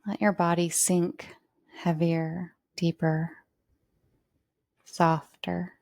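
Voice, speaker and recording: A woman yoga teacher leading a guided relaxation, with slow, soothing, spacious phrasing. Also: lowish voice, little pitch movement, vocal fry, a little mellow, dry recording.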